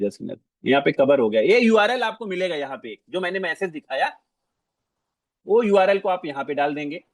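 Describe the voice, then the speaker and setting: In a dry recording, a male presenter whose voice sits high leads a relaxed screen-share walkthrough. He talks to viewers with animation, says phrases more than once, and slips English words into his speech.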